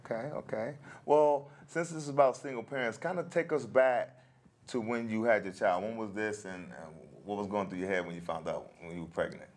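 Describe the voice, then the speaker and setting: A man's voice: on the low side, brisk. An American man hosting a local talk show, interviewing guests casually with lots of fillers. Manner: relaxed, many fillers and backchannels.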